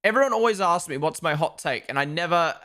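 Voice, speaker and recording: A man's voice: on the high side, expressive, quick pace, bright, forceful tone. A young man from Australia and New Zealand hosting a live race watchalong, giving chatty, opinionated commentary and talking to his chat.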